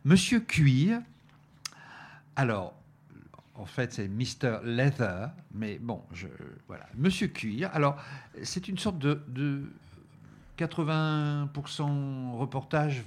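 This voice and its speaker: A man talks through a film selection at an unhurried pace. His voice sits at an ordinary middle pitch, and he keeps stopping to search for words. The hesitant, filler-heavy delivery sounds like casual review chat. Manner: hesitant, many fillers and restarts. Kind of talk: radio-style review chat.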